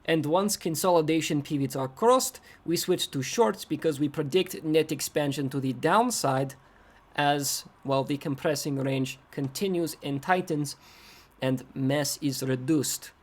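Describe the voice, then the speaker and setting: A man's voice: a little high, a little slow. A man putting on an as a clipped trading analyst who drops his articles and keeps asking "right?". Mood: lecturing.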